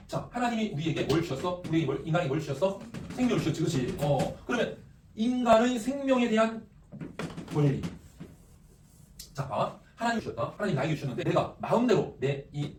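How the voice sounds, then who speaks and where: A man teaching an ethics class, lively, repeating phrases and quizzing his students. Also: a little high. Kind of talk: classroom lecture with questions to students. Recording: echoey room, distant mic, faint noise.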